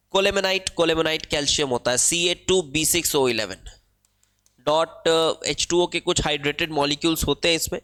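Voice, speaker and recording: Indian man teaching chemistry, fairly high voice. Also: a bit bright. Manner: explains step by step, asks and answers his own questions; switches between Hindi and English phrases. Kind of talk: exam-prep problem-solving lecture.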